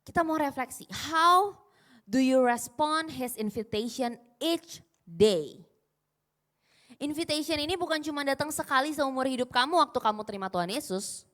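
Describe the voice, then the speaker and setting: A woman's voice: sits high, lively intonation, moderate pace, a bit bright. A young woman gives a casual, conversational sermon and often puts questions to the congregation. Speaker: preacher.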